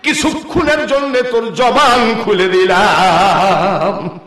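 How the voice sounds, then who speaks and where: A man preaching voices a divine speaker in a slow, solemn, half-chanted proclamation. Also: sits high, steady tone, fairly bright tone, heavy reverb. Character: booming divine voice granting a favor.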